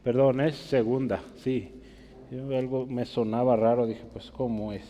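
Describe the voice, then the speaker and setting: A man's voice: medium pitch, fairly even intonation, unhurried, warm tone, long reverb tail, highs cut off. A man preaching a teaching sermon in a church, explaining in a conversational way and often checking with his listeners.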